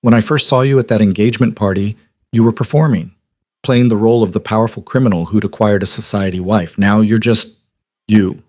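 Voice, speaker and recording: A man voicing a guarded, middle-aged crime boss who speaks in a quiet, measured, controlled way. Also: lowish voice, fairly even intonation, no echo, lightly acted.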